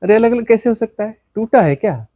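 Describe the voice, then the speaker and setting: A spiritual teacher gives a satsang discourse in an animated, fairly quick voice with a dark tone, captured in a dry recording. He repeats words, asks rhetorical questions, and swings his pitch dramatically.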